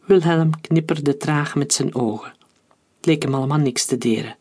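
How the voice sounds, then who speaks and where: A narrator reading an adventure story aloud in a steady, dramatic audiobook style. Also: medium pitch, normal speed, breathy edge.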